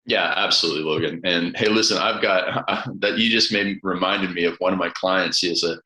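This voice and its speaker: Deep, bright-voiced man in a roomy space. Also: a little fast. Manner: explains step by step with acted-out examples. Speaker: coach and author, guest. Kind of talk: conversational advice. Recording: roomy, echoing voice.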